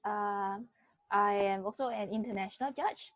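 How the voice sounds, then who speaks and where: A woman's voice: mid-range voice, moderate pace, no room sound. A woman from Singapore, a guest on a video call, speaking plainly with fillers. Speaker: guest, international judge. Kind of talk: casual chat. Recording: dull video call audio.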